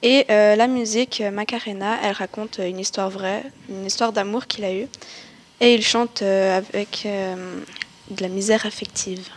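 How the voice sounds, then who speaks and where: A woman presenting a music artist in a read-out presentation, pausing often with filler sounds. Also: medium pitch, steady tone. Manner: hesitant, many filler pauses. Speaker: presenter introducing a rapper. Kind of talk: read-out school-style presentation.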